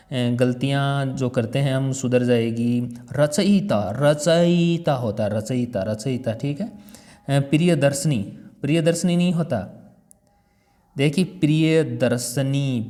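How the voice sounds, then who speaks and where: A man's voice: medium pitch, a little mellow. Patient male teacher explaining spelling. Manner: patient, repeats words slowly, addresses viewers as friends; clears throat now and then. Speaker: Hindi grammar teacher. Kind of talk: spelling lesson explaining on-screen words.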